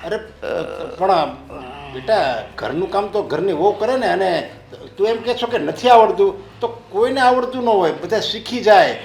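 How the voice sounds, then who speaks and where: A man's voice: high voice, expressive, normal speed, reverberant, slight background noise. An actor playing a blunt, superstitious father-in-law who scolds his family, in a short drama. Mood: stern. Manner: scolding, lecturing.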